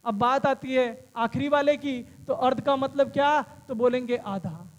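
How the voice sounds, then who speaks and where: A man's voice: extremely high pitch, measured pace, in a large hall. A male teacher giving an exam-prep lesson, asking the class questions and answering them himself, and calling the students friends.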